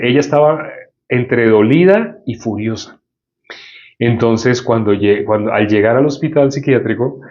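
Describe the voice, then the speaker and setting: Male preacher, animated storyteller, mid pitch, dull lo-fi recording. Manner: animated storyteller acting out voices, chuckling. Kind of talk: sermon storytelling.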